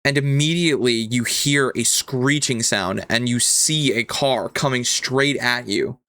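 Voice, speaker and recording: A man narrating as game master, describing scenes slowly with some ums. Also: medium pitch, bright, forceful tone, no room sound.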